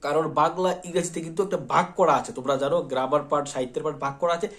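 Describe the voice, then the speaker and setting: A man's voice: on the high side, rapid-fire, fairly bright tone. A man teaching an exam-prep lesson, repeating points and often checking in with his students. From Tripura, India. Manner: repetitive, reassuring, checks in often with "thik ache".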